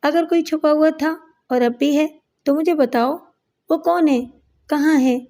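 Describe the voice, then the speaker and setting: A nervous, pleading young man in a spoken crime story, read by a woman. The voice sits high and soft, with little change from the reader's own. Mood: uneasy. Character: anxious young man courting a strange cousin.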